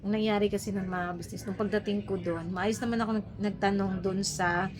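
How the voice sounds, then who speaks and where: A woman's voice: medium pitch, fairly even intonation, brisk. Chatty rambling woman vlogger. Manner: chatty, rambling, hesitant with many fillers. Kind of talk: casual talk to viewers. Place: at home.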